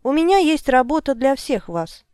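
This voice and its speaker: A woman's voice: sits high, very animated, moderate pace, a little mellow, dry recording, clean studio sound, pitched above the performer's own voice. A woman reading as a commanding wizard. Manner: firm, declaring, solemn. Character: commanding male wizard, calm and resolute. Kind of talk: audiobook character reading.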